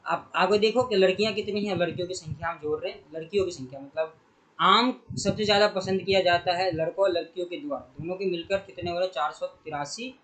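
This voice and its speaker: A young man with a notably high-pitched voice teaches a primary school math lesson. He counts through each sum step by step and speaks straight to the pupils as he works. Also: quick pace, fairly bright tone, low-quality recording. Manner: talks through sums step by step, addressing pupils directly.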